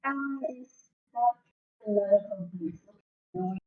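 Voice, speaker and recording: A woman's voice: mid-range voice, slow. A woman playing a tabletop game over a voice call, her audio cutting out and muffled. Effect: choppy, cutting-out call audio. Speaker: player.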